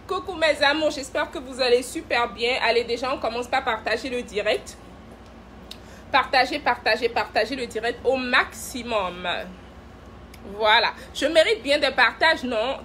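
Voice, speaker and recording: A woman's voice: high voice, fairly bright tone. A woman who directs a cosmetics brand, hosting a casual live stream, playful and teasing, laughing often and greeting viewers by name.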